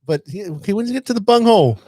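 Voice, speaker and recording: A man co-hosts a podcast in casual chat, joking around. His voice sits fairly high and bounces lively. It sounds dry and close to the mic. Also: rapid-fire, dry recording. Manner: joking, laughing, animated. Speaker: podcast co-host.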